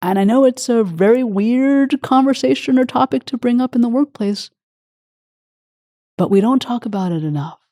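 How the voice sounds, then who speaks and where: A woman's voice: a little high, normal speed, warm tone, no room sound, clean studio sound. A woman hosting an interview, effusive and openly emotional as she talks with her guest. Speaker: podcast host.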